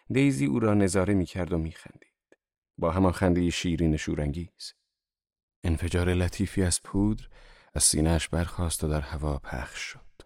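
A man narrating a novel as an audiobook reader, in a calm, even literary manner. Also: sits low, dry recording, studio quality.

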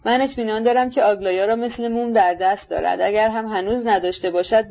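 A woman's voice: medium pitch, a little mellow, natural voice. A woman reading the part of a bitter, sneering young man in an audiobook, muttering sarcasm. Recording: dull lo-fi recording.

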